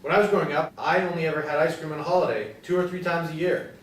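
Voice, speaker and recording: A young man in his twenties, lightly acting, plays a fussy, petty ice cream vendor with a pedantic, awkward way of talking. His voice is a little high, his intonation fairly even, and he speaks fast. The recording is roomy and distant from the mic, with faint noise.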